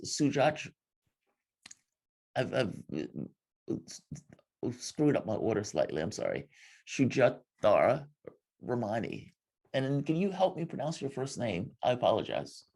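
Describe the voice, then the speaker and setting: A man's voice: mid-range voice, darkish tone. A man hosting a livestream panel, introducing guests with many ums and apologies. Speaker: livestream host.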